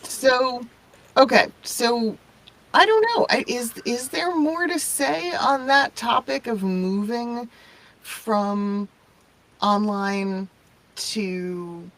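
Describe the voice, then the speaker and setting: A woman's voice: fairly high pitch, drawn-out words, a bit bright. A woman co-hosting a casual live stream as a voice acting teacher, her voice coming through tinny and metallic, as if from a tin can. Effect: tinny, metallic tin-can sound from a technical fault.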